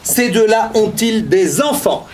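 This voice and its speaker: A man's voice: high voice, slow pace. A man hosting an improv show on stage, joking with the audience as he gathers their suggestions. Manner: playful, animated, jokes with the crowd. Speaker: improv performer. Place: theater stage.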